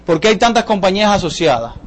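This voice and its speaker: A man giving a lively motivational sales talk to a live audience, joking and asking the crowd questions. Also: sits high, quick pace. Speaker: business presenter at a sales seminar.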